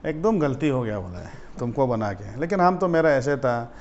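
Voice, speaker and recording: A man from Arunachal Pradesh, a student leader telling stories from his school days in a casual interview, getting animated and loud as he retells his run-ins. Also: medium pitch, moderate pace, slight background noise. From Arunachal Pradesh, India. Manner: animated, rises sharply when retelling confrontations. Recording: slightly dull lo-fi audio.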